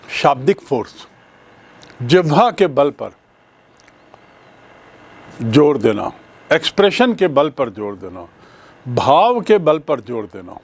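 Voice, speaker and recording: Slow, animated male teacher. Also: fairly high pitch. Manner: slow, deliberate explaining with spelled-out letters and examples. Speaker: English grammar teacher. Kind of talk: bilingual classroom lecture.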